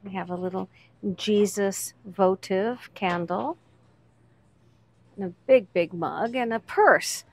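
A woman's voice: mid-range voice, takes it slowly, pauses often. A woman hosting a vlog, chatting casually as she points out items on shop shelves one by one. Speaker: vlog host, reseller. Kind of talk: casual commentary while browsing a shop.

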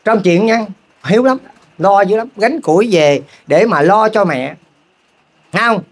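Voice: medium pitch, animated. A lay preacher with a Southern Vietnamese accent, telling a moral story as a sermon and keeping the congregation involved with rhetorical questions. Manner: keeps asking the audience rhetorical questions; repetitive, folksy, halting restarts.

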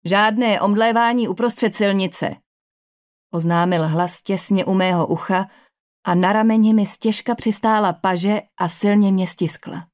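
A woman with a Czech accent reading a first-person novel aloud as an audiobook narrator, in an even, measured storytelling manner. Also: mid-range voice.

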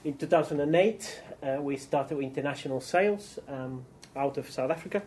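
A Chilean man with a Chilean accent gives a keynote business presentation, hesitating often with ums and restarts. His medium-pitched voice is a little mellow and a little fast, with a little hiss or hum in the audio.

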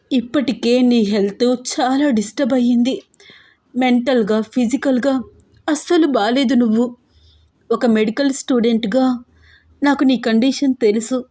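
A woman's voice: on the high side, mellow. A woman voicing an anxious, caring younger sister. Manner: crying, soothing.

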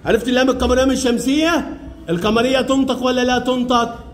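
A man's voice: very high voice, steady tone, fast. A man with an Egyptian accent teaching a primary class, coaxing pupils with repeated questions. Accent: Egyptian Arabic. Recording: echoey classroom.

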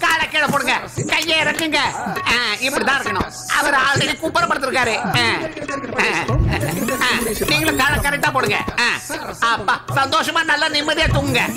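Woman voicing a chatty young woman, teasing, high voice, film score behind. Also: moderate pace, loud music behind the voice, lightly acted. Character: chatty young woman fussing over sleeping men. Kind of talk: Tamil film dubbing.

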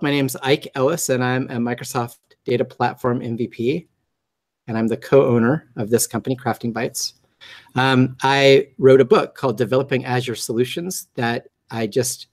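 A man with a high, nasal voice, hosting a meetup in a chatty, joking way with many ums and restarts. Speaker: meetup host. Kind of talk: casual talk to a group.

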